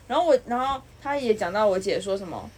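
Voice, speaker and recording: A young woman, co-hosting a casual chat podcast and ranting with lively mimicry. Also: medium pitch, fast talker, breathy edge. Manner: animated ranting, mimics others. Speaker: podcast co-host.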